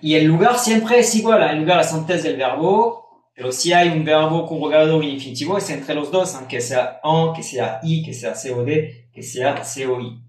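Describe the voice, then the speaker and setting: A man's voice: on the high side, reverberant, a little hiss or hum. A man teaching French in a live online grammar lesson, patiently repeating examples and checking in with his students. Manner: drawn-out French example phrases.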